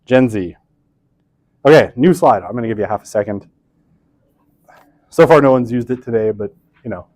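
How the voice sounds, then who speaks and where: In an old lecture room, a thirtysomething man delivers a casual university lecture through a podium mic with weak pickup. He talks at an ordinary pace with a medium-pitched, slightly mellow voice and long pauses, and no room sound comes through. His manner is chatty and self-deprecating, full of fillers.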